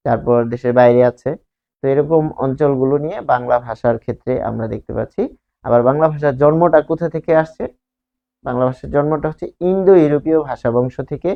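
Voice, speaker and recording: A man's voice: mid-range voice, creaky. A man from Bangladesh, teaching a grammar lesson, explaining slides and asking and answering his own questions. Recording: slightly dull lo-fi recording.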